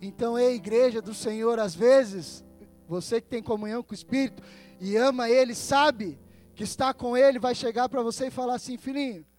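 A man pastor preaching a sermon with a Brazilian Portuguese accent, swinging between loud, emphatic passages and hushed asides. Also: very high-pitched, normal speed, faint music behind.

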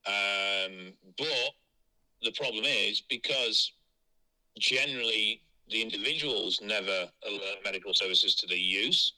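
A man's voice: on the low side, bright, forceful tone. Blunt man on a phone line. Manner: blunt, frank and matter-of-fact. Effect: heard over a phone line. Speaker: interviewee. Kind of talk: candid phone interview.

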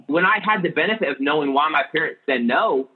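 A man's voice: fairly high pitch, animated, brisk, narrow, tinny audio, a little hiss or hum. A man hosting a casual group discussion, talking in a rambling way with many restarts. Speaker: podcast host.

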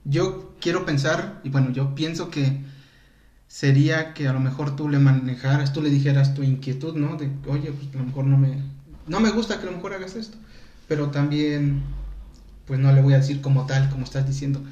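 A man with a Mexican accent in casual chat, joking and animated, often acting out what others say. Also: mid-range voice, normal speed, muffled recording. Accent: Mexican Spanish. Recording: echoey room.

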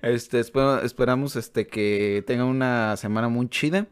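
A man's voice: mid-range voice, steady tone, a little slow, smooth. A young man with a Mexican Spanish accent hosting a podcast in laid-back, slangy casual chat. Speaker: podcast host.

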